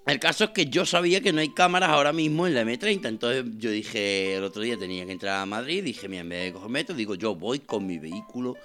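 A man with a Spain Spanish accent, co-hosting a casual comedic podcast, telling stories that swing from muttered asides to shouts. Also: mid-range voice, fast, few pauses, faint music behind. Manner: storytelling with big swings from mumbling asides to shouting. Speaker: podcast co-host.

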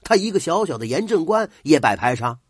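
A pompous, lecherous official, loud and used to being obeyed, as an old storyteller puts him on. The voice swings widely in pitch and sounds a little husky. It is close and dry, with no room sound. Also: male voice, big pitch swings, normal speed, dry recording. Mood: angry. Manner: booming, bossy.

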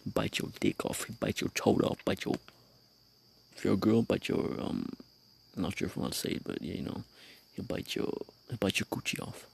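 A man's voice: sits low, very animated, brisk, vocal fry, slight background noise. A man hosting his own show, telling a rambling, profane story in casual slang while sitting outdoors at night. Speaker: podcast host.

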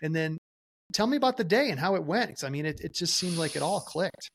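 A man hosts a casual podcast interview, reflecting on what he hears and prompting his guest to go on. His voice sits a little higher than most men's. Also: expressive, brisk, slight background noise. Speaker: podcast host.

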